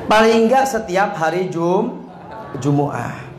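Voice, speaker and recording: A man's voice: high voice, lively intonation, slow pace. A man preaching a humorous sermon, telling jokey stories and quizzing his audience. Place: prayer room. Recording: echoey prayer room, faint noise.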